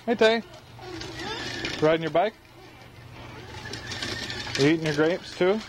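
A man's voice: fairly high pitch, takes it slowly. A man filming his family, asking a toddler playful, coaxing questions in casual chat, heard through a camcorder mic. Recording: muffled noisy 1990s camcorder audio.

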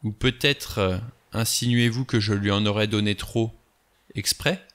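A man's voice: on the low side, expressive, moderate pace, gravelly, pushed and bright, heavily acted. A man reading the part of a prickly, defensive male doctor who answers curtly and acerbically. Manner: curt and acerbic.

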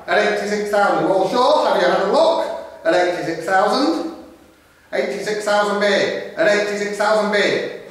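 A middle-aged man with a high, fairly bright voice calls a live property auction from a lectern in an indoor auction room. His emphatic patter repeats the bids in a rapid chant, recorded far from the microphone in a very echoey room.

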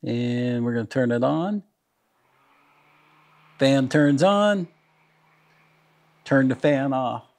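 Unhurried man showing garage tools. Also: mid-range voice, darkish tone. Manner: plain, practical, unhurried explaining. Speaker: DIY mechanic channel host. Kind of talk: casual product demo. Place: home garage.

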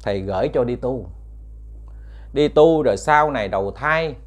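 A man's voice: medium pitch, animated, natural voice. Man playing a patient old exorcist. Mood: coaxing. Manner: measured coaxing questions. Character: calm older male village exorcist, patient.

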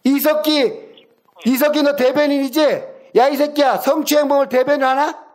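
A man's voice: very high-pitched, steady tone, normal speed, darkish tone. A middle-aged man in a heated phone argument with his younger brother, hurling insults and taunting questions. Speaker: older brother.

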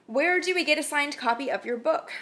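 Bright-voiced Canadian woman vlogger. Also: high-pitched, brisk. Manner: chatty, uses many fillers. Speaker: YouTube host and author. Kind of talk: casual vlog Q&A.

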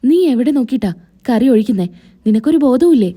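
A hot-tempered young man voiced by a woman storyteller, snapping in quick bursts, fairly high with a dark, mellow tone, in a serial retelling. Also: expressive, slightly rough. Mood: snappish.

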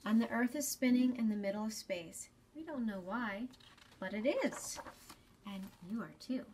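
At a library storytime, a woman in her thirties reads and talks with children, explaining things gently and deliberately in a slightly breathy, medium-pitched voice. The small indoor library space has a little background noise.

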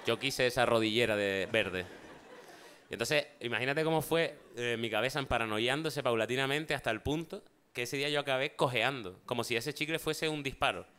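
A talk show guest with a medium-pitched voice speaks a little fast, with a slight hiss or hum in the audio. In casual chat he tells funny stories from his childhood, animatedly acting out the voices of the people involved.

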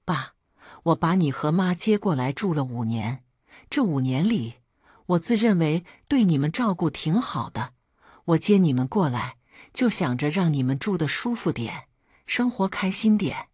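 A woman's voice: low-pitched, expressive, normal speed, darkish tone, husky, dry recording, clean studio sound. A woman voicing a middle-aged daughter who speaks hurt but firm to her parents in a storybook reading.

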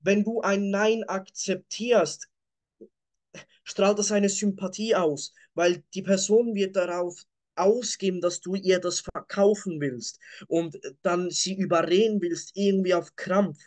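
A man's voice: high-pitched, fairly even intonation, measured pace, a little mellow. A man hosting a live online sales coaching session, answering viewer questions bluntly and leaning on repeated catchphrases.

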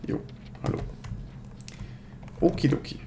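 A let's player in his thirties comments casually on a game, speaking a little slowly in slangy, laid-back talk that new braces slightly slur. Heavy noise sits in the background.

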